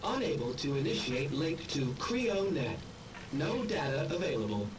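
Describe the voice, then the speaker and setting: A man voicing a calm, polite helper drone in a video game, speaking as a machine computer voice that repeats set phrases. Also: a little high, normal speed, far from the mic, noisy background. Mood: glitchy.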